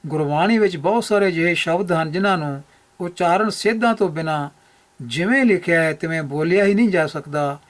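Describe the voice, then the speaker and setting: A man gives a teaching lecture about pronunciation, laying out each rule step by step. He talks methodically, restating the key points to drive them home. His voice sits a little high for a man. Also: brisk. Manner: methodical, repeats key rules for emphasis. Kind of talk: explanatory lecture over slides.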